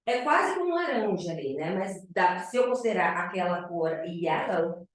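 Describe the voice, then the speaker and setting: A woman teaching an English lesson to a class, explaining slowly and repeating example words. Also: lowish voice, very animated. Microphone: camera at a distance. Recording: echoey room, far from the camera.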